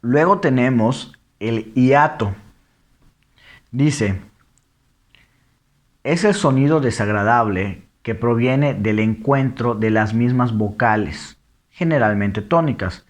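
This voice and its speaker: Man, teacher, unhurried pace, explanatory lesson. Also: mid-range voice. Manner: explanatory, reads examples aloud slowly then fast. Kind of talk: lecture on diction.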